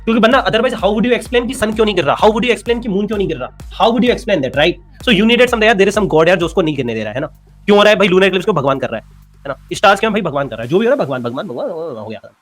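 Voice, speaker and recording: Young Indian male teacher, quick and teasing, lecturing physics over faint music. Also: high-pitched, lively intonation. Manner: playful, teasing, mixes in English phrases. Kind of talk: animated classroom lecture.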